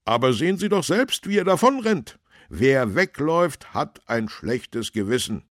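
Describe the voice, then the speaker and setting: A man's voice: mid-range voice, unhurried, no echo, clean studio sound, pitched above the performer's own voice. A man voicing an eager, dutiful male village policeman in a somewhat raised, earnest voice. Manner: excited, earnest, a little raised.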